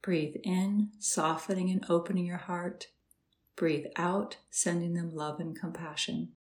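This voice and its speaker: A woman leads a guided meditation in a slightly low voice. She speaks softly and slowly, with calm pauses between instructions. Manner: slow, soft, soothing instructions with pauses.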